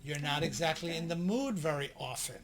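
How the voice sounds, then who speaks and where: A man's voice: on the high side, lively intonation, fairly quick, a crowd in the background. A middle-aged man co-hosting a couple's podcast, reading list points aloud and adding blunt jokes. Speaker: podcast co-host. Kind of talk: casual couple chat.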